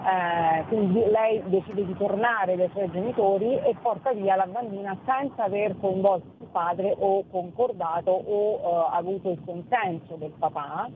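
A woman lawyer calling in while traveling, explaining a case in a measured, hesitant way, over a low-quality phone stream. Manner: measured, hesitant with frequent fillers. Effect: low-quality phone stream from a traveling caller. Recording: tinny phone line with faint noise.

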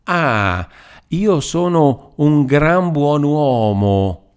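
Man doing a shrill sneering old man. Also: normal speed, a little mellow, clear, resonant tone, natural voice. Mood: mocking. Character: shrill sardonic lame old man, stubborn and mocking.

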